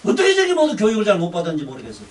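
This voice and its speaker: An older man with a thick Busan accent delivers a rambling sermon, blunt and scolding, with coarse language. His voice sits high and leaps around with lively swings in pitch. He is recorded from some distance from the mic. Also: very fast. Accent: Gyeongsang (Busan). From Busan, South Korea. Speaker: Buddhist dharma teacher.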